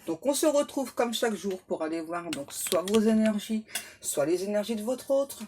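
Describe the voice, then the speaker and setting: A woman's voice: mid-range voice, expressive, normal speed, mellow, a little hiss or hum. A woman doing a casual tarot reading to camera, chatty and joking, breaking off to banter with her spirit guides and laughing at herself. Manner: self-mocking, laughs at herself. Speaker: tarot card reader.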